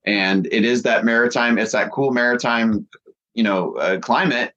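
A man's voice: mid-range voice, normal speed, fairly bright tone, lo-fi sound. Male podcast host, mid-range voice, enthusiastic, jokey, loose delivery. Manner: enthusiastic, playful, many restarts. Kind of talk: casual conversational interview.

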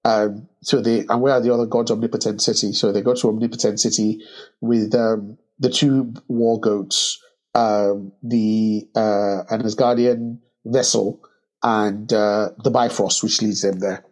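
Husky man recapping a film casually. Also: lowish voice. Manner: halting, many restarts and ums, animated when joking. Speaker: podcast co-host recapping a film. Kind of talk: casual movie discussion.

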